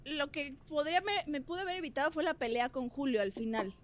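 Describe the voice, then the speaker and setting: Young Mexican woman, podcast guest, high voice, candid and slangy. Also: expressive, fairly quick. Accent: Mexican Spanish. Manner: candid, slangy, tags lines with "¿sabes?". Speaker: podcast guest, former reality show contestant. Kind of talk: casual storytelling.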